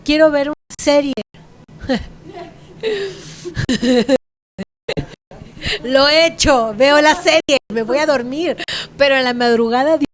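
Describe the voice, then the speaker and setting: A woman's voice: high-pitched, slow pace, pauses often. A woman with a Mexican accent giving a frank, earnest church testimony in a conversational way. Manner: earnest, frank, laughs at herself.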